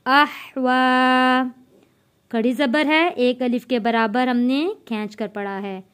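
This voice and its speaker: A woman teaching Quran reading in a slow step-by-step lesson, spelling out letters and vowel marks and then drawing out the joined syllables. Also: a little high, smooth.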